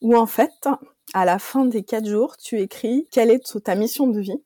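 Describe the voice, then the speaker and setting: A woman talks through a casual interview with a mellow, dark voice that trembles and cracks from an allergy. She fills her speech with hesitations and restarts. The sound is dry and close. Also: a little high, normal speed, no room sound. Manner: talkative, many fillers and restarts. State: voice weak and shaky from allergy. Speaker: app founder, guest.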